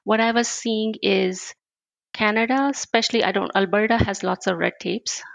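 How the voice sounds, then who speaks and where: Gravelly-voiced Indian woman telling stories. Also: medium pitch, moderate pace, no room sound. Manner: animated storyteller who acts out dialogue. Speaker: guest, spa owner. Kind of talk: storytelling interview.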